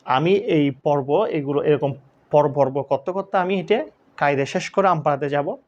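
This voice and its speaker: Quran reading teacher, slightly high. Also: male voice, darkish tone. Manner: slow drawn-out letter recitation; reciting letters and syllables for learners to repeat. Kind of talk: Quran letter-reading lesson. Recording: dull lo-fi sound.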